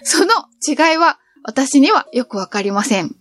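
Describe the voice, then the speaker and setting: A woman's voice: high voice, big pitch swings, unhurried, soft background music. A middle-aged woman narrating her train trip in a cheerful, chatty storytelling manner. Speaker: travel vlogger. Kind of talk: scripted travel narration.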